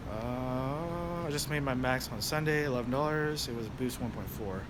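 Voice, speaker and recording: In a mid-range voice at a moderate pace, a young American delivery driver hosts a casual livestream, answering viewers. He rambles easily with lots of fillers and restarts, while traffic and street noise come through the noisy outdoor background.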